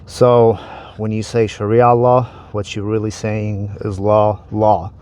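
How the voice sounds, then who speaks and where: A casual man whose first language is Arabic speaks in a lowish, warm, clear and resonant voice, slowly and with little pitch movement. He's a vlogger explaining religion to camera in a relaxed, conversational way, repeating words and restarting phrases.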